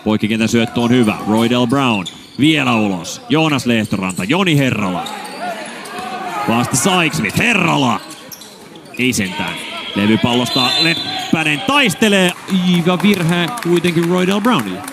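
A man's voice: medium pitch, noisy background. Man calling a basketball game. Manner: rapid name calls, bursts of excitement on baskets. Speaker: play-by-play commentator. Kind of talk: live basketball commentary.

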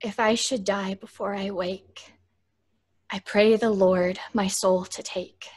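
An actress playing a frightened, fragile woman slipping into hysteria in an old-time radio horror drama, halting and pleading. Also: mid-range voice, steady tone, darkish tone, slightly rough. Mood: anxious pleading.

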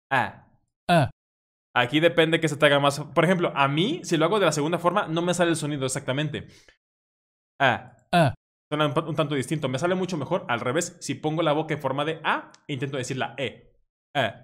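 A man's voice: a little high, a bit bright. A man whose first language is Spanish, teaching English pronunciation and drilling vowel sounds with many repetitions. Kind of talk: pronunciation lesson.

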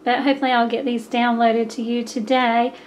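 Hoarse Southern woman hosting a craft vlog. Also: on the high side, little pitch movement, fairly quick, slight background noise. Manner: chatty, many fillers. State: hoarse, losing her voice. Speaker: craft channel host. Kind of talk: casual crafting tutorial.

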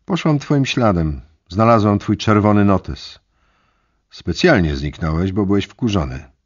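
A man reading the part of a sharp-tongued young woman, brisk and teasing. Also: on the low side, animated, lo-fi sound, voice pushed up.

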